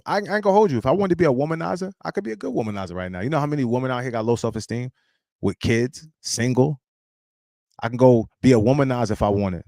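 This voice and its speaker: A man's voice: medium pitch, vocal fry, darkish tone, dry recording. A man in his late thirties hosting a live stream, giving casual life advice in a blunt, emphatic, preachy way and swearing freely. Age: 30s.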